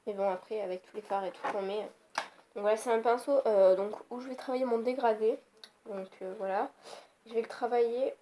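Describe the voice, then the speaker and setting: With faint traffic noise behind her, a young woman rambles casually through a makeup tutorial at home as a beauty vlogger, quick to get irritated. Her voice is a little high with a dark tone.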